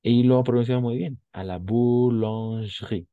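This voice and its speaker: A man's voice: medium pitch, fairly even intonation, moderate pace, dry recording, phone-quality sound. A man teaching French in an online class, patiently explaining and modeling pronunciation.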